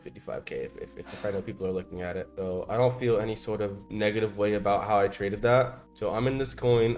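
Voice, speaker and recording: A young man talking like a frat bro in casual livestream commentary, full of slang, swearing and hyped-up phrasing. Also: medium pitch. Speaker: live-streaming crypto trader.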